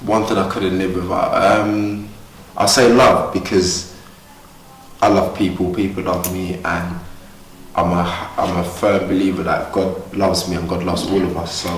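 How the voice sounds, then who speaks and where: A man's voice: low voice, flat delivery, measured pace, roomy sound, far from the mic, a little hiss or hum, low-quality recording. A young man from Ghana, a boxer, talking earnestly and upbeat in a casual interview at a boxing gym. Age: young adult. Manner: earnest, upbeat, talks freely.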